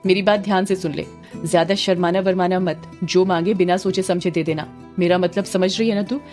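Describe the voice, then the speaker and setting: A woman's voice: fairly low pitch, steady tone, fairly quick, darkish tone, soft background music, close to an everyday voice. A woman doing a bossy scheming mother. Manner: scolding, commanding. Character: scheming middle-aged mother, harsh and bossy.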